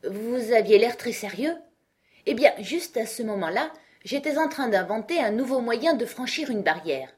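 A woman voicing an earnest, solemn male knight who is proud of his clumsy inventions, read in a breathy voice for a storybook. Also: a little high, expressive, moderate pace, darkish tone, pitched above the performer's own voice. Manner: grave, proud, rambling explanations. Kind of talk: audiobook character reading.

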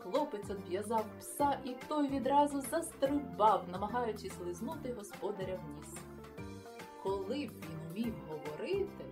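A woman reading a children's story aloud with an expressive, lively storytelling manner. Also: mid-range voice, normal speed, music in the background. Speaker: audiobook reader. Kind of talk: children's audiobook narration.

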